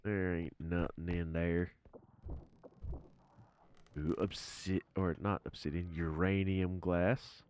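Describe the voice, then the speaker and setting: A man's voice: low voice, level tone, slow pace, pauses often, a little mellow, a little hiss or hum. A man streaming a game and chatting casually, joking and exclaiming often. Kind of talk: casual gaming stream chat.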